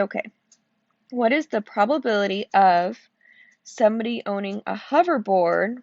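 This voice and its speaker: Tired lady teacher explaining math step by step, slightly gravelly, flat dull sound. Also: medium pitch, no room sound. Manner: explains step by step, checking in with "okay?". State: sleepy, yawning. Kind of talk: recorded classroom lesson walkthrough.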